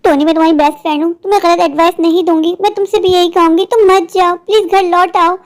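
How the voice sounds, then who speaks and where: A woman's voice: extremely high pitch, fairly even intonation, fast talker. A woman voicing a caring young girl who urgently pleads with her best friend, in a cartoon story. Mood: worried.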